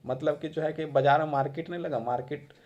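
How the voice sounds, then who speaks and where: Man teaching a class, a bit high-pitched, chatty and repetitive. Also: steady tone, fast talker, a little mellow. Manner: conversational, repeats phrases for emphasis. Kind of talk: classroom lecture.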